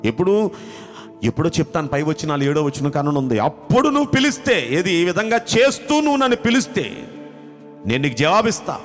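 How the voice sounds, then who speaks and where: A man preaching a sermon as pastor, impassioned and emphatic, swinging between loud outbursts and hushed lines and repeating phrases. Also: a little high, sing-song, a little fast, faint music behind. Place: live online church service.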